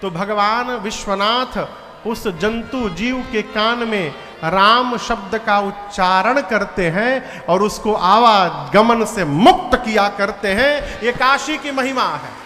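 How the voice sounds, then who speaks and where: A high-pitched man delivers a slow, unhurried devotional sermon, talking straight to his listeners and breaking into chanted verses. His voice rings out through a reverberant hall, with flute music playing behind. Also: lively intonation, bright, forceful tone. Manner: chants verses and speaks directly to the audience. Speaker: katha preacher.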